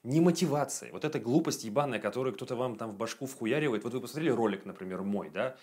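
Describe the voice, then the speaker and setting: A man's voice: mid-range voice, lively intonation, fast talker, darkish tone. A man in his late twenties giving a casual self-improvement monologue for his video channel, blunt and profane, with frequent fillers. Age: 20s. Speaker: video blogger.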